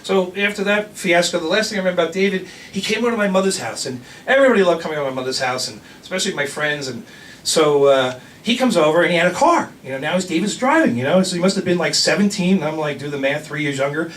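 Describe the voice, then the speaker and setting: Animated older male storyteller, distant mic. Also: fairly high pitch, fast, slight background noise. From New York area. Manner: animated, rambling, with restarts and laughter. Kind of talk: live personal storytelling.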